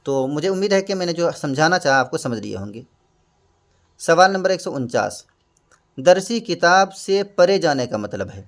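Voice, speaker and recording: A man walks through exam questions one by one, pausing to restate hard words in simpler ones. His voice sits a little above the usual male range, and his delivery is patient and explanatory. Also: fairly high pitch, very animated. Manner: patient, repeats and glosses terms. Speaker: exam prep teacher.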